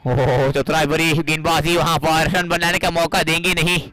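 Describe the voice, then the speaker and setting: An Indian man giving excited live cricket commentary in a dramatic, emphatic manner. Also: on the high side, moderate pace, rough recording. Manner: dramatic, emphatic, rising into exclamation at key moments.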